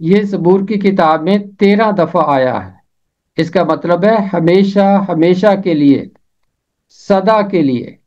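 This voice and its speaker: A man teaches the pronunciation of words. He speaks slowly and deliberately, repeating each term with care. The recording sounds a little dull and lo-fi. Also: high-pitched, a little mellow. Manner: slow, deliberate, repeats each word carefully. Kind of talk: scripted lesson on word pronunciation and meaning.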